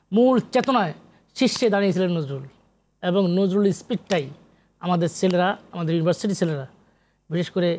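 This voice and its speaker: A middle-aged man with a Bangladeshi accent, an academic sociologist and literary researcher, guests on a talk show. His high, slightly mellow voice explains at length and emphatically, repeating phrases and dropping in English terms.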